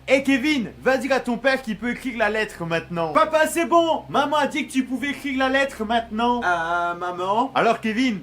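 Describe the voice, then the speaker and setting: A man's voice: very high-pitched, normal speed, a bit bright. A man acting out short comedy sketches, playing every character and switching between voices. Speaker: comedy sketch creator voicing all parts.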